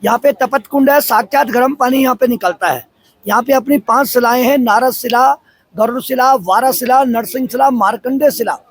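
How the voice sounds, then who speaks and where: Very high-pitched man guiding visitors. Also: normal speed. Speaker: local guide. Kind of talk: explaining a pilgrimage site to viewers.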